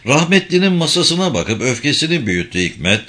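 Expressive male crime novel narrator. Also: a little high. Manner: measured, expressive reading.

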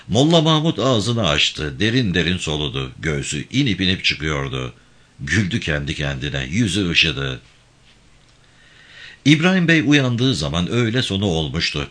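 Deep-voiced man reading a village tale. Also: a bit bright. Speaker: narrator. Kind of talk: audiobook story reading.

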